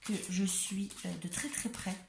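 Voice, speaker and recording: A woman's voice: medium pitch, fairly even intonation, unhurried, gravelly, noisy background. Woman, French accent, tarot reading, chatty and reassuring, lots of fillers, echoey room. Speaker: tarot card reader. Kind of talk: casual tarot reading to camera.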